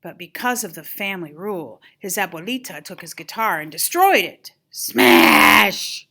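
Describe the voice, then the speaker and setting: A woman's voice: fairly low pitch, a little fast. An older woman with a grandmotherly voice reads a children's story aloud, expressively and with dramatic emphasis. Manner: animated, dramatic emphasis on exclamations and key moments.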